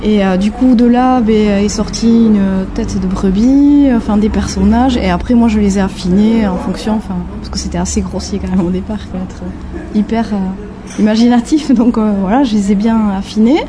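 Young woman from the french basque country, halting and casual, keeps searching for words, traffic noise behind her. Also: medium pitch. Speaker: graphic designer. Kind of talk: casual interview answers.

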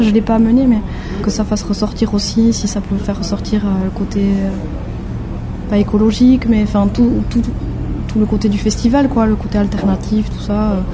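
A young woman from the French Basque Country speaks at a middle pitch, pausing and hunting for the right word as she answers. She talks casually, as a graphic designer explaining her work. Steady background noise with passing vehicles sits under her voice. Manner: halting, searching for words, soft laughs.

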